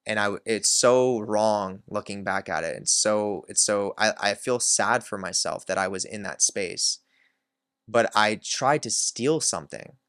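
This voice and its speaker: A man's voice: lowish voice, unhurried, a bit bright, smooth, dry recording, clean studio sound. A man hosting his own channel, candidly telling a personal story in a reflective way, with many filler words. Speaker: self-help channel host.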